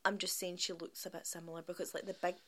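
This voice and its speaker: Bright-voiced Scottish woman, laughing a lot. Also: lowish voice, fast. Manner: laughs often, animated storytelling. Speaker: podcast co-host. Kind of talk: casual chat.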